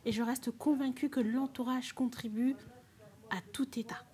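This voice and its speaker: A woman with a French accent speaking as an expert guest, explaining in a measured, assured way. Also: high voice, fairly even intonation, mellow. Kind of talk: explaining on a talk show.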